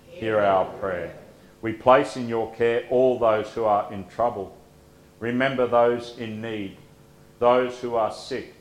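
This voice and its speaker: A man leading liturgical prayers as pastor, reading in a measured, solemn way, his voice carried by the echo of a large church sanctuary. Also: fairly low pitch. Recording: echoey church room with faint hum.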